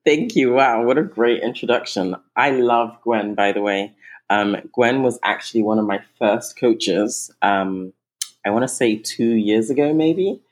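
A woman raised in England, a guest eating coach, talking in a chatty, warm podcast conversation with frequent ums and restarts. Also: rumbling low, measured pace. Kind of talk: casual podcast chat.

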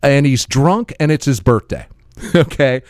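A man co-hosting a podcast, telling a story in a rambling, animated way during casual chat. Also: mid-range voice, a little slow, no room sound, studio quality. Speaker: podcast co-host.

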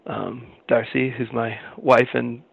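An American man in his forties talking casually as an interview guest, halting and reflective as he goes. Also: mid-range voice, flat delivery, creaky, slightly rough, no room sound, narrow, tinny audio. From Illinois, United States. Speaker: interview guest, record label co-founder.

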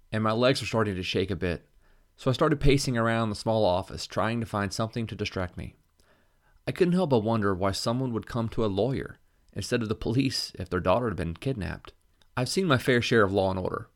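A man narrates a novel in the first person, measured and even. His voice sits on the low side. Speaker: audiobook narrator.

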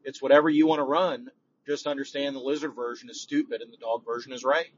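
A podcast listener leaves a casual voicemail, talking frankly and conversationally at a fast clip. His voice is medium-pitched and steady, and the recording sounds dull, noisy, and distant.

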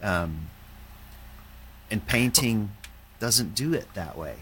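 A man, a painter, talking in a halting, reflective way, with many fillers and restarts. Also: on the low side, expressive, a bit bright, a little hiss or hum. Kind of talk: casual conversation.

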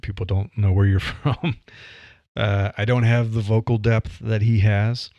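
In dry, dull audio, a low, dark, level-toned male voice speaks a little slowly. He's a middle-aged podcaster and writer with a Midwestern accent, reflecting conversationally on voice delivery with light laughs and many "you know" fillers.

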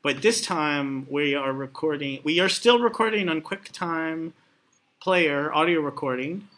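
A man's voice: on the high side, lively intonation, a little slow, bright, forceful tone. A man co-hosting a casual podcast outdoors, chatting with his partner and telling her what to do, recorded on a laptop's built-in microphone. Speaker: podcast co-host. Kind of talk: casual chat. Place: outdoors in a public spot with people nearby.

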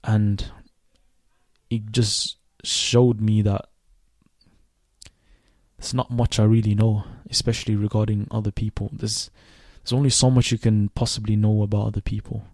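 A man in his twenties, raised in Sweden, hosting a reflective solo podcast in a thoughtful, unhurried way with many restarts. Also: lowish voice, level tone, darkish tone, no echo. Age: 20s. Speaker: podcast host.

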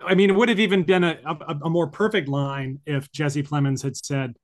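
A man guesting on a podcast as a film analyst, thoughtful, wry and halting. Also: a little high, fairly even intonation, a crowd in the background. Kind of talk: casual chat.

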